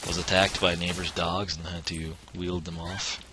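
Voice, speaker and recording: Guy streaming a game, low pitch, kinda hoarse from losing his voice, chatty and laughing a lot. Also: little pitch movement, moderate pace, background noise. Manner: chatty, rambling, chuckles often. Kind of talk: casual let's-play commentary.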